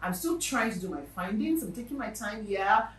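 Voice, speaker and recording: Lively Nigerian woman hosting a property show. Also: medium pitch, moderate pace, roomy sound, recorded from a distance, rough recording. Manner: lively and chatty, with emphatic repetition. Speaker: real estate show host. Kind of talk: casual monologue to viewers.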